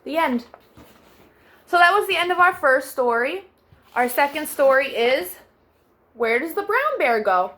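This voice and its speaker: A young storytime host reads picture books aloud to children, gentle and sing-song, drawing out her soft refrains. She sounds very animated, and her voice sits high.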